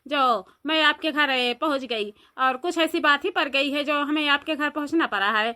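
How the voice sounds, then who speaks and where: Brief: woman playing a nosy, coaxing Awadhi village woman, high and bright. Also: moderate pace. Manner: questioning, coaxing. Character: curious, meddling young village woman.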